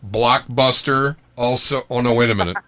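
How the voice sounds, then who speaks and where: A man's voice: mid-range voice, moderate pace, a bit bright. A man hosting a casual radio interview, bantering in a jokey, mock self-important way. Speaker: radio host.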